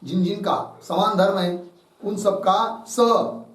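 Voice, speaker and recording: A man teaching a scriptural commentary lecture, explaining slowly and asking many rhetorical questions. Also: high-pitched, fairly even intonation, recorded from a distance. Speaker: Vedanta teacher. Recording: echoey room, mic from afar.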